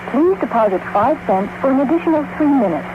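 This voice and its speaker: Recorded payphone operator voice, woman. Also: sits high. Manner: flat, formal, measured. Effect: recorded announcement heard over a payphone line. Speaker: automated payphone operator message. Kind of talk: scripted recorded prompt. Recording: muffled, noisy payphone line.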